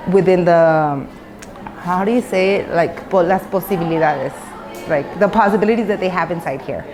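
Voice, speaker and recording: In a women's prison in Mexico, a woman in her thirties who was born in Mexico and grew up in the United States speaks candidly in an interview. Her medium-pitched, somewhat dark voice is loose and talkative, full of fillers and restarts, over a slight hiss or hum.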